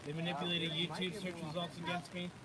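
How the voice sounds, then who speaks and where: A man's voice: sits high, flat delivery, fast, a loud crowd. A man missing his two front teeth speaking out at a protest, confrontational and repetitive, in an impassioned street-speech style. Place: outdoors at a state capitol protest. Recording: very noisy outdoor street recording.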